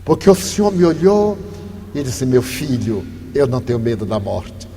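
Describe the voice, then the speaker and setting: A man's voice: high-pitched, normal speed, lightly acted. An older man voicing a blunt young male street robber in a retold story, in an echoey hall. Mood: earnest. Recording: echoey hall, faint noise.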